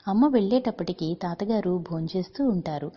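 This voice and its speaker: A woman narrating a story in a steady, unhurried manner. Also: fairly low pitch, slightly rough, highs cut off.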